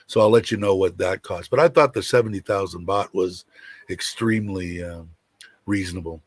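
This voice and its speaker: A man with a deep, rumbling voice hosting a casual livestream, rambling and hesitant as he chats. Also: normal speed, slightly rough, no echo. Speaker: host of a livestream show.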